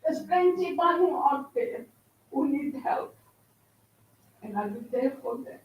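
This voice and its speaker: An older woman in her sixties shares her life story as a speaker at an event, with heartfelt, emotional warmth. Her voice sits high and she talks slowly. The sound is roomy and far off, as in a large hall. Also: animated. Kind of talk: personal testimony speech. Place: university studio hall.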